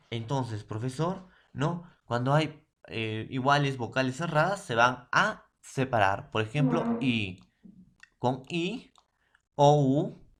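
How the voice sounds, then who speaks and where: A man from Peru with a voice on the high side teaches language to secondary school students. Slowly, he spells out words syllable by syllable, answers the questions he raises, and often checks in with "¿ya?" or "¿no?" during the classroom lesson.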